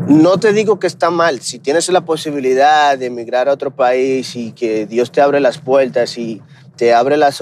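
A podcast host from the Dominican Republic, speaking with a Dominican accent, delivers a motivational monologue in an earnest, encouraging, conversational way. His voice is mid-range, with background noise in the recording.

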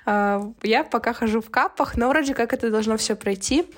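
A woman's voice: a little high, brisk. A woman co-hosting a podcast in casual, slangy, hesitant chat, with a slight lisp that makes her s and sh slushy. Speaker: podcast co-host.

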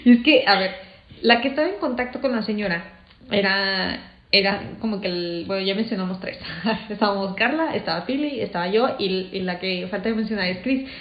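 A woman's voice: mid-range voice, a little fast. A young woman with a Mexican accent, telling a story in casual, laughing chat. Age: young adult. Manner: animated, laughing, slangy. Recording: roomy, slightly dull recording.

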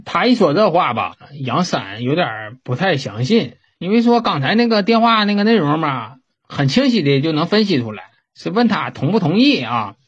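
A man's voice: on the high side, very animated, moderate pace, breathy edge, muffled recording. A man, telling a story in a folksy, casual way and swearing offhandedly.

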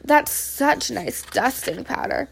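A woman's voice: high-pitched, animated, slow pace, creaky, breathy edge, exaggerated voice. A woman reading aloud, voicing a cheerful literal-minded housekeeper who talks eagerly and earnestly.

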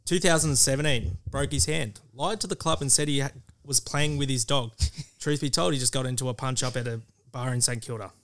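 Male podcast panellist, Australian accent, medium pitch, blunt and opinionated, conversational. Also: brisk, fairly bright tone. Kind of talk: casual opinionated chat.

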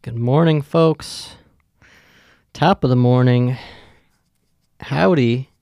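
A young podcast host talks slowly in a medium-pitched, mellow voice with vocal fry, joking and rambling loosely with lots of swearing in a casual monologue. The sound is studio quality, with no room sound.

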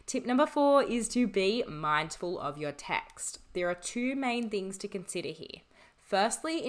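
A woman hosting a solo podcast, giving scripted tips in an upbeat, tidy advice-vlogger manner with clearly signposted points. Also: mid-range voice, fairly bright tone.

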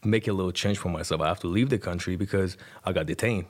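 Here a rapper from Iran, in his twenties and on a podcast as a guest, talks quickly in a low voice. He grew up speaking Persian, carries an Iranian accent, and tells his personal story conversationally with frequent "like" and "you know."

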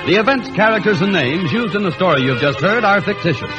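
A man's voice: high-pitched, animated, fast, rough recording. An American man announcing from a script in old-time radio style. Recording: old radio recording with music. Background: music.

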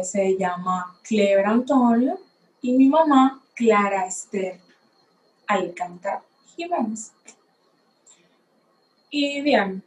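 Slow-talking young woman. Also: mid-range voice, darkish tone, reverberant, rough recording. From Dominican Republic. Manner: unhurried, reflective, a little unsure. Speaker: podcast host. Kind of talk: personal faith testimony. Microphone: facing a camera.

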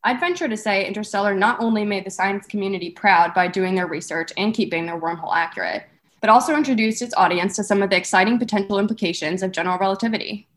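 A woman's voice: mid-range voice, fast, lightly acted. A young woman playing a gushing red carpet host. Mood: upbeat. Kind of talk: scripted mock awards-show hosting.

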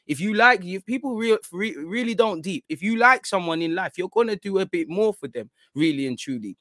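A man's voice: sits high, lively intonation, a little fast, bright, forceful tone, no room sound. Casting: male football content creator, urban London roadman accent, slangy casual chat, very dry recording. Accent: London, urban street slang. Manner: slangy roadman-style talk, addressing listeners as bro and man.

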